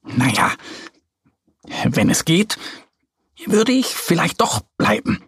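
A man voicing a grumpy old female wildcat who scolds slowly in a children's story. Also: medium pitch, sing-song, a bit bright, slightly rough, dry recording, full character voice. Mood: hesitant. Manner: slow, grumbling scolding.

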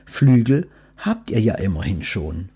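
A man voicing Death as a calm, gentle companion in a storybook reading, speaking in a dry, unhurried way. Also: lowish voice, slightly rough, exaggerated voice.

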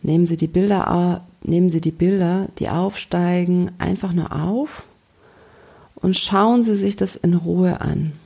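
A woman coach leading a guided relaxation in a slow, soothing, gentle way. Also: lowish voice, steady tone, creaky, husky. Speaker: coach and podcast host.

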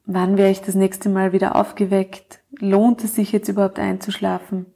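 A woman hosting a podcast with calm, measured scripted narration, addressing the listener directly. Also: medium pitch, gravelly, husky. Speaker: podcast host, coach for mothers.

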